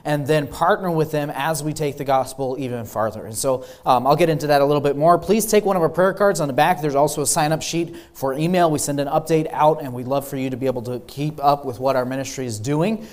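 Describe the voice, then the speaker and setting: An earnest young man who grew up in Peru speaks to a church congregation about his mission work. His voice sits a little high for a man, and he often pauses on "um" and apologizes as he goes. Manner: earnest, with frequent ums and apologies. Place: church sanctuary.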